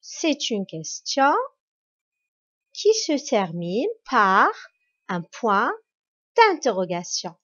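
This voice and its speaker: A woman teacher giving a grammar lesson to children, speaking in a slow, spelled-out and encouraging way. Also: on the high side, very animated, a bit bright. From Morocco. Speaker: primary school teacher. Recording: dull lo-fi recording.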